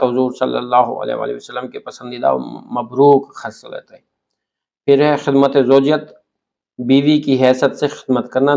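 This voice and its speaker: A male teacher with a Pakistani Urdu accent works through an exam-prep lecture, reading each question and then its answer. His voice has a gravelly edge, and he lists synonyms one word at a time. The recording sounds dull and lo-fi. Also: mid-range voice, darkish tone.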